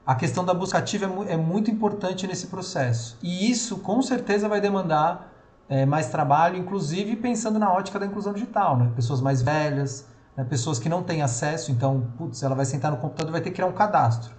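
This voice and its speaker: A man's voice: fairly high pitch, animated, fast talker, darkish tone, roomy sound. A man with a São Paulo accent leading an online training session, talking casually with many fillers and restarts. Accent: São Paulo Portuguese.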